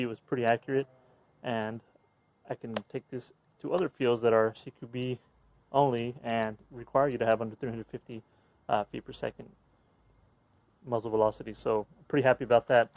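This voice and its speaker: A young man chatting casually and enthusiastically to camera as an airsoft reviewer, using informal slang. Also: mid-range voice. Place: backyard outdoors, later a room indoors.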